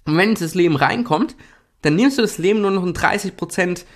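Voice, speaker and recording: A young man with a slightly high voice talks casually through a self-help lesson as he sketches. He uses slang, repeats himself and drops fillers. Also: brisk. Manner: relaxed, slangy, many fillers and repetitions. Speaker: self-help video host. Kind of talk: casual explanatory talk while drawing slides.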